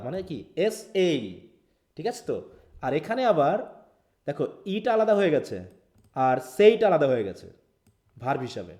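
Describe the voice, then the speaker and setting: A man's voice: high voice, dark tone. Bangladeshi man teaching linguistics, echoey room. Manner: explains step by step, mixing English terms, asks students questions. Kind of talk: live online class lecture.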